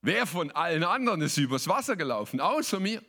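A man's voice: on the high side, very animated, brisk, sharp tone, voice pushed up, exaggerated voice. A man voicing a boastful, swaggering young apostle who talks brash slang.

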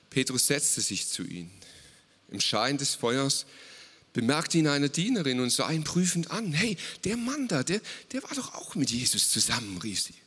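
A man gives a casual, animated sermon, his pitch leaping up and down as he retells the story. His voice is bright and a little high, with a long reverb of a large hall behind it. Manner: animated, casual, sprinkles English words. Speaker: preacher. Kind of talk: lively youth sermon retelling a Bible story.

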